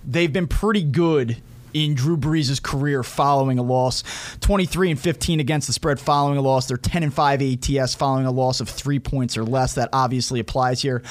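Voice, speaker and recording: A man's voice: mid-range voice, steady tone, a little fast. A man giving conversational sports and betting analysis as a podcast commentator.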